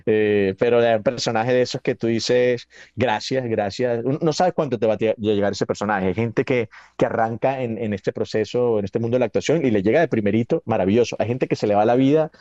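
A middle-aged Venezuelan actor with a softened, near-Colombian accent, telling stories in a casual interview, repeating himself often and restarting sentences. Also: male voice, mid-range voice, fast, hardly any pauses, no room sound, dull audio. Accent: Venezuelan, neutralized toward Colombian. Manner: animated storytelling, many repeats and restarts, laughs often.

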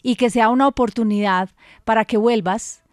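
A woman hosting a radio interview, speaking gently and reassuringly. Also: on the high side, moderate pace, no room sound, clean studio sound. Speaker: radio host.

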